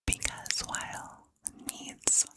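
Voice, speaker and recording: A woman whispering softly and breathily into a close ear-to-ear microphone in a chatty ASMR style, in short, halting phrases. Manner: slow, halting, short phrases with long pauses. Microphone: close ear-to-ear stereo ASMR microphone.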